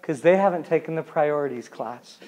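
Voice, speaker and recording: In his forties, this man teaches a relationship class, delivering a comedic, theatrical lecture full of jokes and frequent questions to his audience. His voice sits a little high, a little mellow, at a normal speed.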